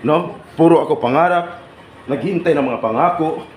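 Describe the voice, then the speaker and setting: A man speaks at a normal pace in a slightly high voice, teasing trainees and repeatedly asking for their agreement during a live seminar. The recording comes from an echoey training room with noise in the background.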